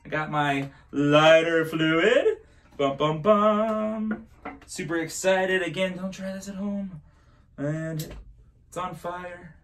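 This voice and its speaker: A man in his thirties presenting a live show as a kids' party magician, with animated, playful showmanship. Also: high-pitched, slow pace.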